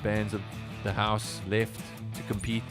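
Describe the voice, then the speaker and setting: A South African man, an Afrikaans-speaking musician, rambles unhurriedly through stories on a casual livestream, his talk full of fillers and restarts. His voice is on the low side with a level tone, heard over music.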